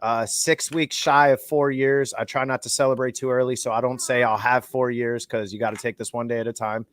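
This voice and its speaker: A man in his thirties, a podcast guest, telling his story in a candid, measured way with many fillers. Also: mid-range voice, steady tone. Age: 30s. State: holding a baby on his lap. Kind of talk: casual chat.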